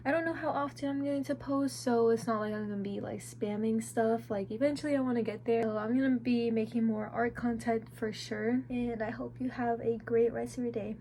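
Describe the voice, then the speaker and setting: A young woman giving a casual, chatty tour of her sketchbooks, excitable and full of fillers. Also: on the high side, fairly quick, few pauses, a little hiss or hum. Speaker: vlogger.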